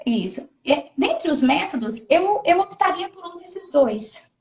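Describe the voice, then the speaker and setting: A woman's voice: high-pitched, animated, unhurried, a little mellow, slight background noise. A woman educator explaining reading methods in a thoughtful conversational way, often restarting and repeating words. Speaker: literacy educator.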